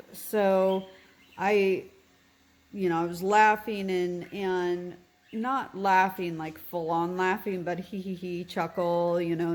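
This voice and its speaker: A woman with a lowish voice candidly shares a personal vlog story about recovering from surgery, pausing often as she offers earnest advice.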